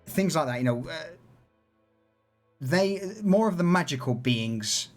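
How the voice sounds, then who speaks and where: A man's voice: fairly high pitch, lively intonation, a little slow, soft background music. A man running a tabletop game, explaining things in an informal, casual way. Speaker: game master.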